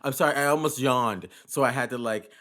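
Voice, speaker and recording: A man's voice: medium pitch, fairly quick, fairly bright tone. A man in his fifties co-hosting a podcast, playful and joking, laughing often and stumbling over words. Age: 50s. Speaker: podcast co-host. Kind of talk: casual chat.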